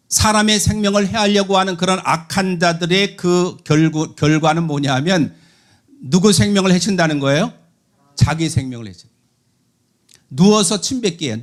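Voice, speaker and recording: High, lively-voiced man preaching. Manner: animated preaching, shouts acted warnings in a high voice. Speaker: pastor. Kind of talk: sermon.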